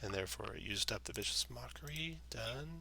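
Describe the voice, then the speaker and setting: A man's voice: mid-range voice, animated, brisk, gravelly, sharp tone, slight background noise. A man acting as game master, narrating and refereeing a tabletop game.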